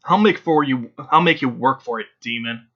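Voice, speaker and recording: A man's voice: mid-range voice, normal speed, a bit bright, dull audio, close to an everyday voice. A man playing an angry, scared middle-aged father who speaks defiantly.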